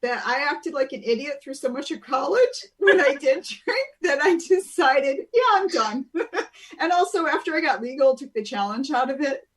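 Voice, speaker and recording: A woman's voice: sits high, expressive, normal speed. A woman guest chatting over a video call, explaining wellness tips in a chatty way and laughing easily.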